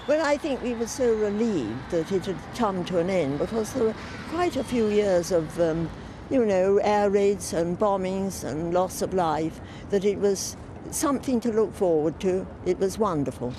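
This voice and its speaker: An elderly woman, a veteran, speaking in a thoughtful, unhurried way. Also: mid-range voice, animated, background noise. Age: older. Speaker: veteran interviewee.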